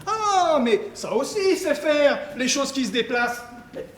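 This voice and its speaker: A man plays a simple hired guard who boasts about his companion. He speaks in a very high voice with folksy eagerness. He sounds far from the mic in an echoing hall. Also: sing-song, a little slow, a bit bright, slight background noise, full character voice. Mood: boastful. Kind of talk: amateur stage play performance. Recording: echoey stage hall picked up from afar.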